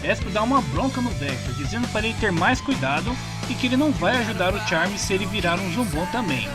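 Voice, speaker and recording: With a Brazilian accent, a man narrates a scripted retelling of a comic story in a high, fast voice full of lively intonation. Clear music plays as a bed behind him.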